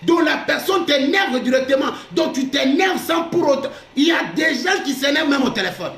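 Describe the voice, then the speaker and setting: A male pastor preaching a sermon, shouting his points and repeating them, in an echoey hall with faint music behind him. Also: very high voice, animated, normal speed. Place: church hall.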